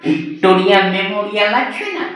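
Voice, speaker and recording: A man's voice: high-pitched, completely flat delivery, fairly bright tone. Man acting a belligerent drunk husband, very echoey. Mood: slurred pleading. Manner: belligerent drunken rambling, drawn-out words. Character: belligerent drunk husband, rambling, muddled and insolent. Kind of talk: comedy sketch acting. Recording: very echoey, reverberant room.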